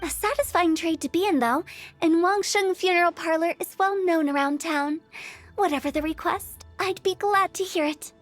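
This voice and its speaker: A woman's voice: normal speed, faint music behind. A woman voicing a mischievous young female funeral parlor director with a teasing, playful, darkly humorous way of talking, in game voice acting. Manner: teasing, playful sales pitch.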